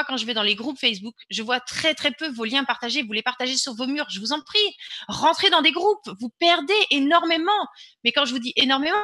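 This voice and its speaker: A woman's voice: high-pitched, pushed and bright, no room sound. A woman presenting an online webinar and walking viewers through a screen-share demo, urging them on and repeating words for emphasis.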